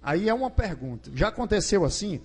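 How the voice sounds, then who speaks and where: Lively, high-voiced Brazilian preacher. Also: male voice, a little fast, breathy edge. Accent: Brazilian Portuguese. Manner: asks the crowd questions and acts out scenes. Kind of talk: lively sermon. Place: large gymnasium.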